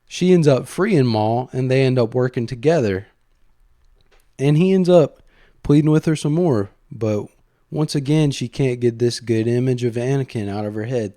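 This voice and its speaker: Mellow-voiced man recapping a story casually. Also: medium pitch, dry recording, studio quality. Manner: enthusiastic, conversational storytelling with fillers. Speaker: host. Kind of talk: casual commentary podcast.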